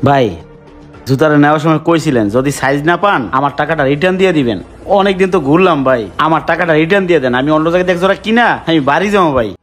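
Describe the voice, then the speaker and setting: A man's voice: a little high, very fast, faint music behind. A man acting a poor father who pleads earnestly with shopkeepers in a short social drama. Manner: pleading, earnest, rural colloquial speech. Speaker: poor father buying shoes, then closing speaker.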